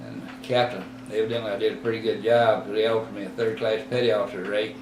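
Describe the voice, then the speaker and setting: With a lowish, level voice, an oral history interviewee in his eighties from Texas slowly recounts his past, halting often with fillers and self-corrections as he rambles. The interview was recorded on a roomy, distant mic with clear background noise.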